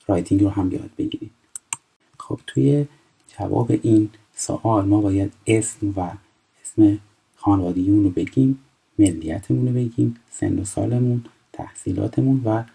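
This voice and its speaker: A man in his twenties from Iran teaching a recorded French lesson, explaining step by step and reading French phrases slowly before translating them. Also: on the low side, creaky, dark tone, slightly rough, poor audio. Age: 20s.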